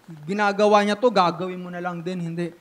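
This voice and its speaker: Pastor, male, high-pitched voice, animated sermon delivery, slips English into his preaching. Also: fairly quick. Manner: animated preaching with sudden swings from loud to hushed.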